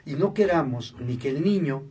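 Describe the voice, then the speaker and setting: A man's voice: a little high, moderate pace, breathy edge. A man, a radio show guest telling stories and acting out the voices of people he quotes. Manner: animated, acts out quoted voices, tags remarks with "¿no?". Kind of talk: storytelling interview talk. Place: radio studio. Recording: distant mic, faint background noise.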